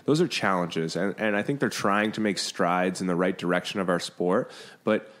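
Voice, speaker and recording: A man guesting on a podcast with a somewhat low voice. He talks in a chatty, quick, self-correcting way. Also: fairly bright tone. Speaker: podcast guest, beach volleyball player. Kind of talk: casual chat.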